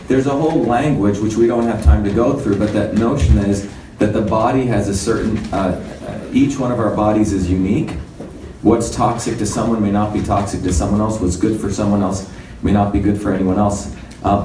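A man's voice: on the low side, warm tone. Man lecturing from across a roomy hall. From India. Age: 50s. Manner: explanatory, conversational lecturing. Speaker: company chairman giving a conference talk. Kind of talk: lecture with slides. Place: conference room. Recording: roomy hall, far from mic, faint noise.

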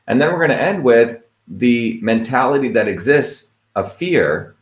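A man's voice: mid-range voice, lively intonation, unhurried. Emphatic man from India, echoey room. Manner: digressive, emphatic, frequent fillers and quote-unquote asides. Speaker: host of an online talk. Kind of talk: casual lecture-style talk.

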